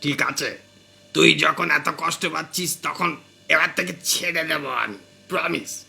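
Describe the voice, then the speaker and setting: A meek old father-in-law begs and coaxes in a slow, whining tone, as a man puts him on. He sounds like a guilty child caught out. His voice rises a bit as he pleads. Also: fairly high pitch, creaky, pushed and bright, soft background music, exaggerated voice. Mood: sheepish. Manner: whining, coaxing, drawn-out pleading.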